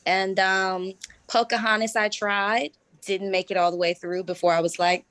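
A woman in her thirties, a cabaret singer, chatting as an interview guest in a bubbly, animated way with frequent laughs. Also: medium pitch, moderate pace, no echo. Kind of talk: casual interview chat.

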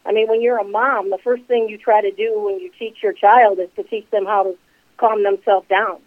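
Over a dry, tinny phone line, a CBD company co-founder in her sixties chats casually as an interview guest. Her mid-range voice holds a steady tone at a moderate pace, and her earnest talk rambles, full of fillers.

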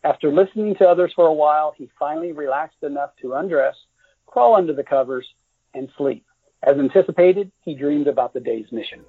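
Give me a husky man narrating his novel, recorded dry and thin like over a phone. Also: a little high, a little fast, no room sound. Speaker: author reading his novel. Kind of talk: scripted narration. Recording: dry, tinny phone-like audio.

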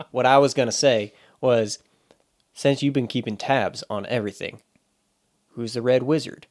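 A man playing a tabletop game who jokes around and asks questions. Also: mid-range voice. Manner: joking and quick to laugh. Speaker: player. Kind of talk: casual tabletop game chat.

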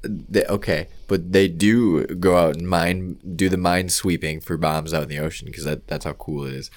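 A man's voice: sits low, fairly even intonation, moderate pace. A man co-hosting a casual podcast chat in a jokey, easygoing conversational way. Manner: jokey, laughs often. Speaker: podcast co-host.

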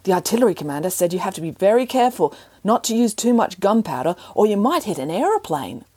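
Woman reading big gentle bear, male, earnest, mild, storybook. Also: medium pitch, big pitch swings, quick pace, husky, no room sound. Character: ten-foot gentle male dancing bear.

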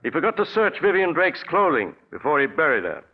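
An actor with an American accent playing a shrewd, accusing doctor-investigator in a 1940s radio drama, deliberate and pointed. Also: male voice, on the high side, big pitch swings, slightly rough, heavily acted. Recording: muffled old radio recording.

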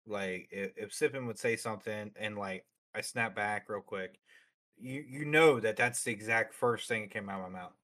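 A man's voice: on the low side, moderate pace, pushed and bright. Blunt, cussing male streamer. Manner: blunt, swears freely, many fillers; outspoken, opinionated. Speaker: streamer guest. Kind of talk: casual interview chat.

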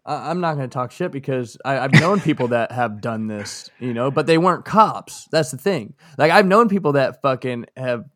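A man's voice: medium pitch, lively intonation, moderate pace, hardly any pauses, a bit bright, no room sound, clean studio sound. A man co-hosting a podcast in casual, crude banter full of swearing. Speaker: podcast co-host.

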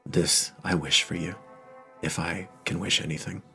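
A small, tearful warrior woman speaks in a hushed, solemn whisper, voiced by a man with a very deep voice. Her words are gentle and low, with faint music under the scene. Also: steady tone, normal speed. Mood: tender, solemn.

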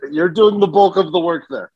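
A man's voice: high-pitched, a little mellow, husky, highs cut off. A man co-hosting a podcast, in a casual chat, playful and joking. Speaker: podcast co-host.

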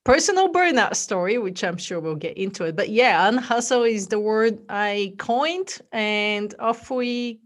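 A woman's voice: medium pitch, expressive, unhurried, hardly any pauses. Bulgarian-accented woman telling her story. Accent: Bulgarian, mixed with Australian and American. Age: middle-aged. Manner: warm storytelling, frequent fillers and laughs. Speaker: podcast guest. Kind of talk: casual interview chat.

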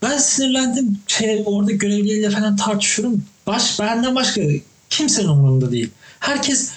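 A young man in casual conversation, telling animated stories and cursing casually as he hosts. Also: high-pitched, brisk, reverberant, low-quality recording. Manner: animated storytelling, swears casually. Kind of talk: casual chat.

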